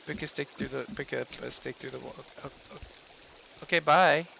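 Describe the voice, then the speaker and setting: A man chatting casually while playing a co-op game, laid-back and jokey, now and then yelping loudly. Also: mid-range voice, level tone, quick pace, creaky, slight background noise. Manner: laid-back, jokey, swings into loud yelps. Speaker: gamer playing co-op. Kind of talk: casual gaming chat.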